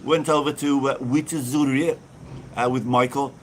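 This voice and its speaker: Holding his phone in front of him outdoors, with a church behind, an English vlogger casually hosts a live stream and cheerfully reads viewers' comments aloud. He speaks at a moderate pace in a steady, medium-pitched voice, with a little hiss or hum.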